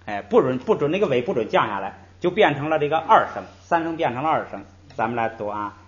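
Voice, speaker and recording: Quick and lively in intonation, a medium-pitched male teacher patiently walks through a language lesson, stretching syllables and dropping "hey" between points. The sound is a bit muffled.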